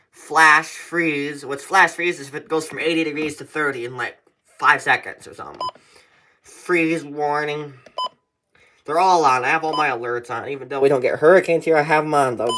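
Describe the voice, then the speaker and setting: Speaking at a normal pace against background noise, this man has a somewhat high voice and an even tone. As a tutorial presenter, he narrates casual how-to steps plainly, repeating himself as he explains.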